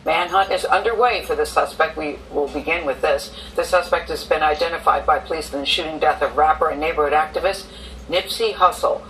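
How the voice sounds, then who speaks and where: Higher-pitched man reading a news report. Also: sharp tone. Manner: formal, measured news delivery. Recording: played news clip, distant and slightly noisy.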